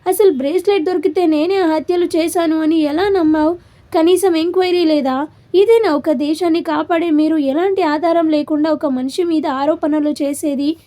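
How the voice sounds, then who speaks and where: A woman's voice: extremely high pitch, steady tone, normal speed, dark tone. Storybook young man, hot-tempered but remorseful, read by a woman. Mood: indignant. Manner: heated, then apologetic. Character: angry, hurt young man, a lover.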